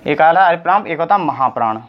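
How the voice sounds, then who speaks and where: A man's voice: fairly high pitch, lively intonation, fairly quick. Man teaching grammar, repeating points. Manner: repeats points and quizzes with rhetorical questions. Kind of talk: exam-prep grammar lesson. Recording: slightly dull lo-fi sound.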